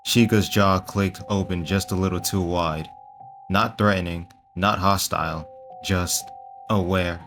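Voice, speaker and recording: A man telling a first-person horror story in a hushed, suspenseful voice with dramatic pauses. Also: sits low, fairly even intonation, faint music behind. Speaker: storyteller and voice actor.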